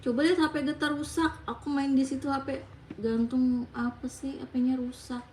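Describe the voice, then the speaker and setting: A young woman with an Indonesian accent chats casually with her viewers, switching between halting English and quick Indonesian asides. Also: sits high, level tone, a little mellow. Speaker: vlogger chatting with viewers. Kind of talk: casual chat. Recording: echoey room with faint noise.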